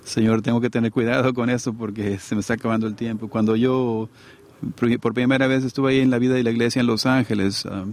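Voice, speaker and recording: Gravelly-voiced man preaching a sermon. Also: mid-range voice, steady tone, fast talker, darkish tone. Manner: conversational, asks the listeners for agreement. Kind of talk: sermon to a congregation.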